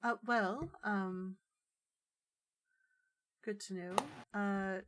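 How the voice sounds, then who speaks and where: A woman's voice: mid-range voice, steady tone, a bit bright. Woman playing a hesitant, polite scholar woman. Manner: halting, full of ums and restarts. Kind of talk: tabletop role-play voicing.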